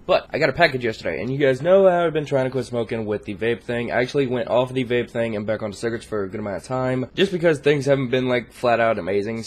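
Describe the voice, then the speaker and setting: A man hosting his gaming channel, giving casual, rambling gameplay commentary full of profanity. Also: mid-range voice. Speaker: YouTube gaming channel host.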